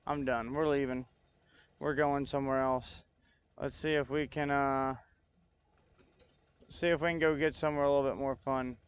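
Fixing tech trouble mid-stream, this man talks to chat in a frustrated, think-aloud way during a casual livestream. His mid-range voice is smooth with a steady tone and moderate pace, pausing often, and the sound is lo-fi.

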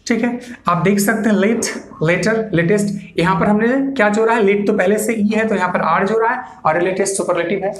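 A man's voice: high-pitched, a little fast, few pauses, a little hiss or hum. A male English grammar teacher giving a classroom lecture, explaining step by step, repeating points and answering his own questions. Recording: echoey room.

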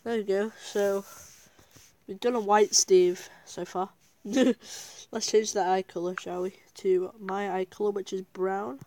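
Slow and mellow, with a steady tone and medium pitch, a woman gives casual commentary while gaming. The gaming video creator chats with her viewers, giggles often, and talks through each step out loud.

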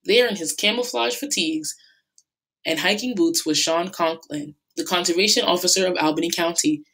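A woman teacher reads a novel aloud to her students. Her voice is fairly low and steady, with a few small slips and restarts. The delivery is plain classroom reading. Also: moderate pace.

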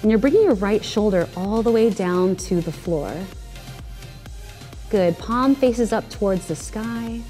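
Woman trainer, thirties, mid-pitched, encouraging yoga cues over faint music. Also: expressive, measured pace, warm tone. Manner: encouraging, upbeat cueing. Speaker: fitness trainer. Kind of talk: guided yoga instruction. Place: large indoor home gym studio.

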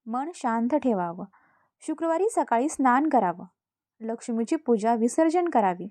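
A woman's voice: a little high, warm tone, dry recording, lightly acted. A woman voicing a wise, patient old woman in a folk tale, speaking earnestly and giving careful instructions.

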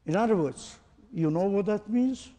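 A man's voice: high-pitched, moderate pace, mellow, long reverb tail. A man teaching a group, asking pointed questions and demonstrating with his own body. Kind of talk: interactive lecture to a group.

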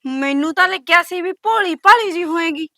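An actress playing a scheming, bossy elder sister-in-law who talks down to the newcomer in a taunting way. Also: female voice, extremely high pitch, brisk, pushed and bright, no room sound, full character voice. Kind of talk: village family drama acting.

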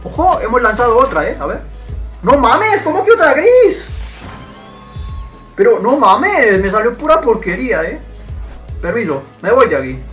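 A man giving excitable gameplay commentary as a gaming channel host, shouting and swearing at the game as he plays. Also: very high-pitched. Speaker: gaming YouTuber.

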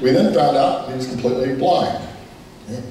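A man with a medium-pitched voice, speaking at a moderate pace, shares his personal testimony as a father. He is plainspoken and earnest, sometimes overcome with strong emotion, and he quotes other people in lively voices. The recording sounds echoey and distant, with soft music playing underneath and a noisy background.

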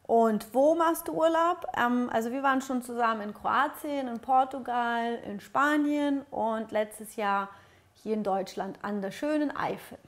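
A young Ukrainian fitness vlogger, her voice a little high and fairly bright, sits on a sofa in a bright living room answering viewer questions. The chat is casual and friendly, full of fillers, recorded on a lapel mic.

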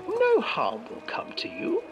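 A man voicing a cunning, greedy old witch in a shrill, wheedling tone for a storybook reading in a horror game. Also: huge pitch swings, takes it slowly, over music, heavily acted. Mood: coaxing.

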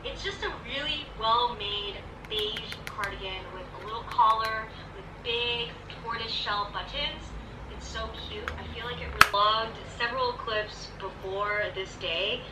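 A young adult woman in casual, chatty, relaxed vlog talk. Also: a little high, a little slow. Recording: echoey room from far off, noisy.

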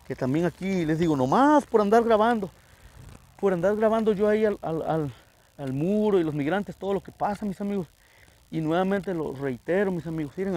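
A middle-aged vlogger with a northern Mexican Spanish accent and a fairly high voice. He talks in a loose, slangy style, repeating himself and calling his viewers buddies as he tells a story. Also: a little mellow, low-quality recording. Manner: chatty, repetitive, slangy, addresses viewers as buddies.

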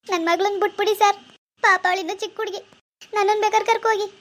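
A woman's voice: high voice, little pitch movement, fast, voice pushed down, close to an everyday voice. A woman voicing a middle-aged village mother in a cartoon who pleads, sobs and nags her daughter. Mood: wailing, pleading. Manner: pleading and sobbing in the dream, bossy when nagging. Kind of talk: cartoon voice acting.

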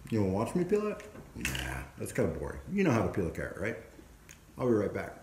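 A man in his forties hosts a cooking show from his home kitchen and talks playfully to the viewer. His voice sits low, but the pitch swings widely as he jokes. The kitchen is echoey, with clear background noise and the sound of chopping. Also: huge pitch swings, fast. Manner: chatty, playful, talks to camera while chopping. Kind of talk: casual cooking vlog.

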